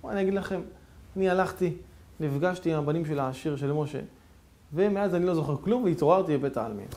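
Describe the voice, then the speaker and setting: A desperate, hungry village slaughterer, as a preacher puts him on, pleading at a door in his burial shrouds. His voice sits high and tired, and he begs in short, breathless phrases. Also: warm tone, lightly acted. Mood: weary.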